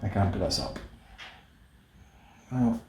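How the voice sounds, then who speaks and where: A man's voice: slow pace, loud music behind the voice. A man building a kit car in his garage workshop, thinking aloud, muttering and self-deprecating, with a curse under his breath now and then.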